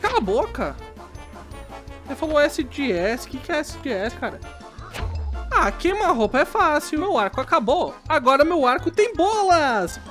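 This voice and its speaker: High, lively, excitable gamer woman. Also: normal speed, soft background music. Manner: excitable and playful, talks to game characters. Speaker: gaming YouTuber. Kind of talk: casual gameplay commentary.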